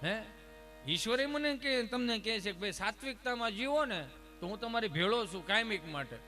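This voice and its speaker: A man telling comic folk stories to a live audience, full of lively anecdotes, acted dialogue and rhetorical asides. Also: high-pitched, fairly quick, faint music behind. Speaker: comic storyteller. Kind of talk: Gujarati folk humor storytelling to a live audience. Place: stage at an ashram program.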